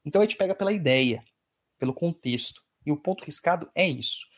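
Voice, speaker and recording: A man's voice: a little high, lively intonation, a little fast. A man who hosts a podcast, casually explaining spiritual practice to the listener, often repeating key phrases and checking in with "tá?" and "entendeu?". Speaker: spiritual teacher and podcast host.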